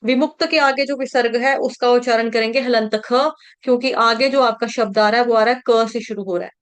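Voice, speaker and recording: A woman teaching Sanskrit verse pronunciation, stretching syllables slowly when she chants them and explaining quickly in between. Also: fairly high pitch, fairly even intonation, smooth. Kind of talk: slow chanting and pronunciation lesson.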